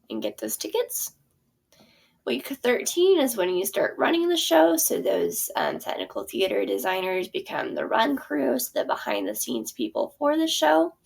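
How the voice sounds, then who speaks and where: A young theater teacher and curriculum creator speaks at medium pitch with vocal fry while casually explaining her course plan. The walkthrough is chatty and loose, packed with ums and self-corrections.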